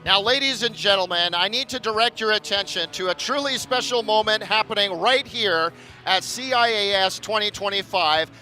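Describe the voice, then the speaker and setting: A man's voice: high voice, normal speed, bright, forceful tone, soft background music, rough recording. A man giving live airshow commentary in a showman's announcer manner, drawing out phrases for the crowd.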